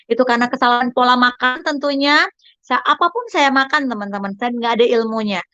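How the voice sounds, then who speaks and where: A chatty woman coach, her voice sitting a little high. She lectures an online diet class and keeps turning to her listeners as friends. The sound is dry and dull, like lo-fi audio. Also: quick pace, bright, forceful tone, no echo, soft background music.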